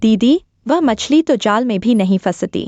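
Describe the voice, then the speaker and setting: A woman's voice: fairly high pitch, expressive, normal speed, a little mellow, no room sound, muffled recording, soft background music. A woman voicing a spiteful young village woman. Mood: scornful. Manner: scornful, threatening. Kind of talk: dubbed short drama.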